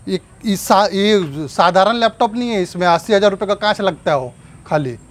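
A man's voice: high voice, moderate pace. A man staging an angry argument at home, scolding and threatening someone. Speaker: prankster husband.

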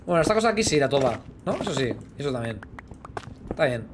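A fast-talking, very animated man in his thirties, with a Spanish accent from Spain, jokes around with viewers on his live game stream and hums sound effects as he plays. His voice is medium in pitch. Background noise comes through from the small room where he uses a headset.

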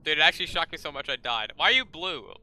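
A man's voice: on the high side, expressive, fast talker, sharp tone. A young man playing a horror game with friends, chatting casually and swearing in startled exclamations like a scared streamer. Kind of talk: casual gaming chat with startled commentary.

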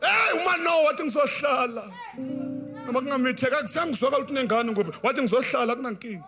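A man's voice: very high voice, rapid-fire, raised voice. A South African man in his thirties preaching a sermon into a handheld microphone in a large church tent, impassioned and half-singing his lines. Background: faint band music.

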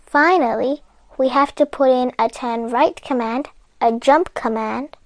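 In this dry recording, a woman with a high voice speaks a little slowly as she narrates a coding puzzle game walkthrough step by step. She's a chatty, patient coding tutorial host who laughs off her mistakes.

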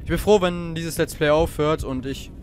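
With a fairly high, fairly even voice at normal speed, a teenage boy plays a horror game and jokes anxiously to his viewers, sometimes shouting out of nowhere. Faint game ambience and slight background noise accompany this let's-play commentary.

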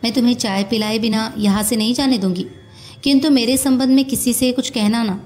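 A woman reading a storybook who voices a naive, lovesick young woman with an excitable, pleading manner. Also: fairly high pitch, brisk, close to an everyday voice. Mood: emotional.

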